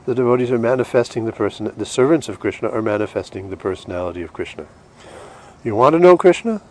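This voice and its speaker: A man giving an informal devotional lecture as a religious teacher, short of breath and halting, with restarts. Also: lowish voice, expressive, a little mellow, a little hiss or hum.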